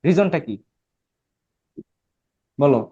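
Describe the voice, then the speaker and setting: A man's voice: on the high side, lively intonation, extremely slow, dark tone, slightly rough, muffled recording. A man with a Bangladeshi accent teaching English grammar in an online class, explaining step by step and checking that students follow. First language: Bengali. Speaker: admission test English teacher.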